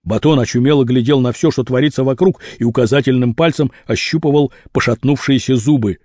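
A man narrating a children's adventure story with expressive, vivid storytelling. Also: mid-range voice, brisk, dry recording, studio quality. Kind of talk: audiobook reading of a children's adventure novel.

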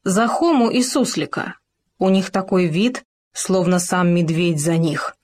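A woman voicing a gruff but cowardly male wolf who fawns on the stronger animals in a storybook reading. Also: lowish voice, unhurried, darkish tone. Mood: fawning.

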